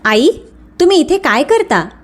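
A woman's voice: a little high, lively intonation, normal speed, darkish tone. Woman reading as an angry grown son. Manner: angry, demanding.

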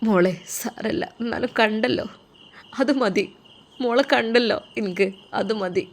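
A woman's voice: on the high side, unhurried. A woman voicing a tearful old father. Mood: tender, tearful. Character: grieving elderly father, tender and tearful.

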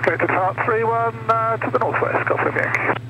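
A man's voice: high voice, brisk, highs cut off. A man making clipped pilot calls to air traffic control over a pilot headset radio.

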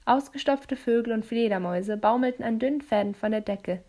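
A woman reading a novel aloud as an audiobook, narrating in a calm, even way. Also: fairly high pitch, brisk. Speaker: audiobook reader. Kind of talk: storybook narration.

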